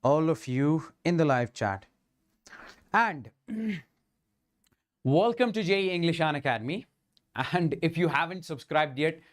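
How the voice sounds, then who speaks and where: A man from Kashmir with a Kashmiri Indian accent, teaching a live online class and often checking in with his students with short tag questions. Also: fairly high pitch. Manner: repeatedly checks in with okay and understand. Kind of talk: live lecture, addressing students.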